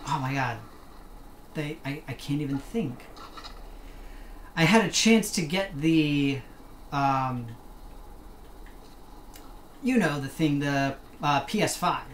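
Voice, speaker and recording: A gaming streamer with a low voice takes it slowly and pauses often while chatting casually from her home desk. She jokes, tries out put-on accents, and responds to the game during her live commentary. The recording sounds roomy, with faint room hum.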